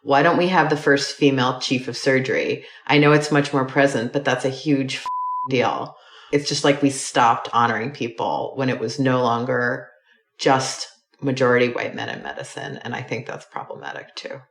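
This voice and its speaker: A woman speaks casually, chatting and stringing thoughts together with plenty of fillers. Her voice has a gravelly edge, and the recording sounds roomy. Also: rumbling low, fairly even intonation, moderate pace. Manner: chatty, uses many fillers. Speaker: interviewee, former medical student. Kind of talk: casual interview.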